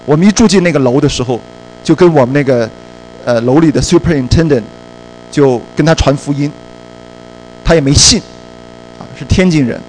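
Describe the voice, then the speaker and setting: A male preacher telling a personal story in a sermon, in a lively storytelling way and slipping English words into his speech. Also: on the high side, a little fast, long pauses, a little hiss or hum, poor audio.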